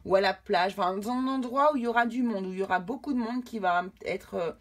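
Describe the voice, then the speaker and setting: A woman's voice: medium pitch, fast talker. A woman giving a casual tarot reading to camera, chatting directly with her viewers. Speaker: tarot card reader.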